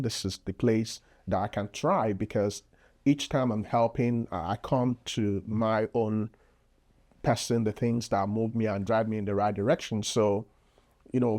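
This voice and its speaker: A man's voice: fairly low pitch, a little mellow. A man from Nigeria with a Nigerian accent, a podcast guest and physician, explaining earnestly with frequent fillers. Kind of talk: casual interview talk.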